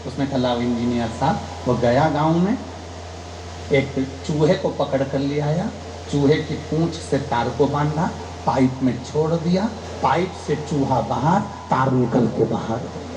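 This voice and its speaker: In an echoey room with noise behind him, a man preaches as a kathavachak in an unhurried way. His devotional katha sermon is told through anecdotes, and he acts out the characters' lines with rising, emphatic pitch.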